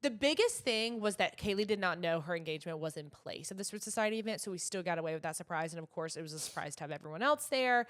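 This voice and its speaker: A woman, co-hosting a podcast and telling a story in an animated way, laughing often. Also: on the low side, fast talker, few pauses. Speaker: podcast co-host. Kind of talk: casual chat.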